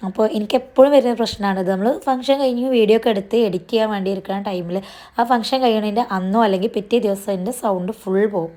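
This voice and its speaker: This shopping vlog voice-over comes from a woman with a mid-range, dark-toned voice. Fast and chatty, peppered with tag particles, she sounds a bit strained, since her voice was recently gone.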